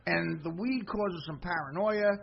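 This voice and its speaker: A man's voice: high voice, unhurried, gravelly, lo-fi sound, slight background noise. A man hosting a podcast, teasing his guest in casual chat and laughing often. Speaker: podcast host.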